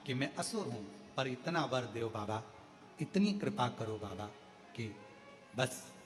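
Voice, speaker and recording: A man voicing a demon king who pleads softly and humbly in a devotional story. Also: close to an everyday voice. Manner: soft, low, imploring. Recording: echoey hall, faint music.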